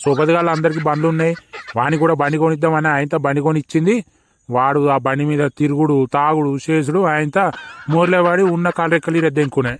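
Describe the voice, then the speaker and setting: A man's voice: on the high side, little pitch movement, slight background noise, close to an everyday voice. A man with a Telangana Telugu accent playing an angry village father who rants bitterly about his son. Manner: fast, bitter ranting.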